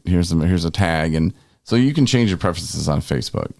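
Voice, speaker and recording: A man's voice: deep voice, expressive, brisk, creaky, darkish tone, dry recording, clean studio sound. A man co-hosting a podcast in casual, rambling conversation. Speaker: podcast host. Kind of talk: casual chat.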